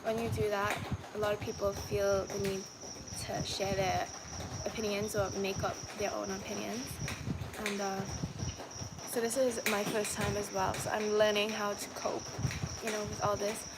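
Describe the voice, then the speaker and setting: Talking casually to her live audience, this young vlogger with a Trinidadian accent keeps restarting and using fillers. She speaks at a normal speed in a flat, medium-pitched voice, over loud background noise.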